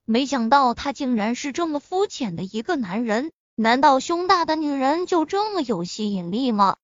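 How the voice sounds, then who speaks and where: A woman's voice: sits high, big pitch swings, normal speed, dry recording. A woman voicing a poised, frank young businesswoman in a spoken web-novel reading, with a slightly muffled lo-fi sound. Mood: earnest.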